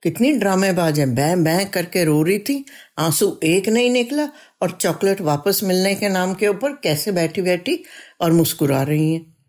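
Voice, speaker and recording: Lady doing big schoolboys in a kids story, eager, bossy, a bit full of themselves, lowish voice. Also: lively intonation, measured pace, darkish tone. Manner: reassuring, bossy. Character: teenage schoolboy friends, eager and self-important.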